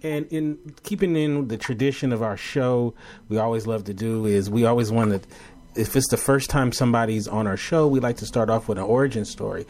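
A man's voice: mid-range voice, fairly quick. Casual-hesitant man hosting a radio interview. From Los Angeles. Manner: relaxed, hesitant with many fillers. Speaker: internet radio show host.

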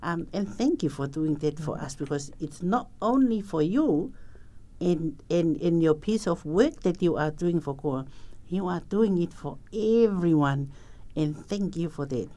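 A woman's voice: on the low side, lively intonation, a little slow, warm tone. A woman hosting a conversational interview, effusive and appreciative in her manner. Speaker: podcast interviewer.

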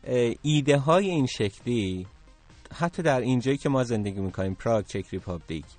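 A man's voice: medium pitch, animated, a little mellow, faint music behind. A man from Isfahan giving conversational, explanatory commentary as a technology contributor on a talk show, with some hesitation as he thinks. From Isfahan, Iran.

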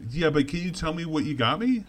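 A man playing an awkward, tipsy alien in improvised comedy chat, halting and rambling. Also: a little high, lively intonation, fairly bright tone. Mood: awkward, reluctant.

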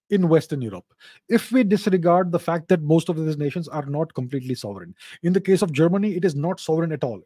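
A man's voice: a little high, warm tone, dry recording. A man with an Indian accent giving opinionated, explanatory geopolitical commentary in an informal question-and-answer style, with emphatic points. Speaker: host of a live Q&A show.

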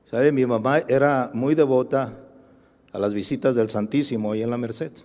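A Mexican man preaching a sermon, telling personal testimony and calling out to the congregation with rhetorical questions, moving between loud, drawn-out emphasis and quiet storytelling. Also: mid-range voice, fairly even intonation. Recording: long hall reverb.

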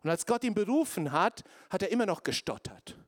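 A man's voice: high voice, big pitch swings, fairly quick, no room sound, studio quality. A man preaching a sermon, speaking straight to his congregation and building to emphatic fervor, sometimes dropping English church phrases.

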